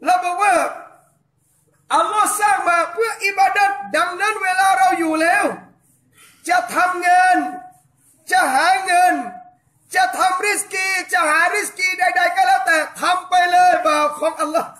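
Fervent high-pitched preacher shouting. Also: male voice, steady tone, measured pace. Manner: loud and fervent, addressing the crowd as brothers and sisters. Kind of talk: shouted Islamic sermon. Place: hall on a small island. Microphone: loudspeaker PA. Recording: echoey loudspeaker sound.

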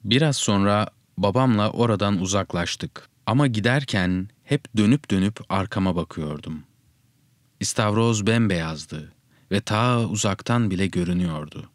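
Low-voiced man narrating a story. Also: moderate pace, no echo, studio quality. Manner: steady, reflective first-person narration.

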